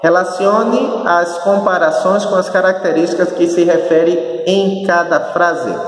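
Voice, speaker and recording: A man with a Brazilian northeastern accent teaching a recorded class, speaking slowly and patiently, often checking that students follow. His voice sits a bit high for a man. It is heard from some distance in a bare room with a long, ringing reverb. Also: fairly even intonation. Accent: Brazilian Portuguese, northeastern. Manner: slow, explanatory, checks understanding with frequent tag questions. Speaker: Spanish teacher. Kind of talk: recorded remote class lesson. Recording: echoey room, voice far from the mic.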